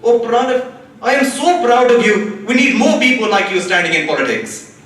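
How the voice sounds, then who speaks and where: A woman's voice: on the high side, expressive, normal speed, fairly bright tone, very echoey, far from the mic, pitched above the performer's own voice, poor audio. A man voicing a proud older Indian auntie with an Indian accent, from a conference stage. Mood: gushing.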